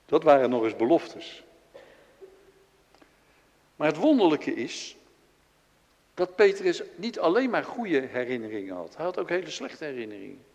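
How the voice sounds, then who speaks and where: A man preaching a sermon, telling a story with acted-out dialogue and dropping from loud to hushed. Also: fairly high pitch, sing-song, moderate pace, long pauses, muffled recording. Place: church. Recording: long reverb of a large hall.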